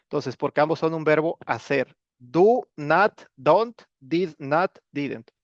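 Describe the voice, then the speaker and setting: A man's voice: a little high, lively intonation, takes it slowly, no echo, muffled recording. Casual man teaching English. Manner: casual, joking, with many fillers. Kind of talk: recorded class explanation.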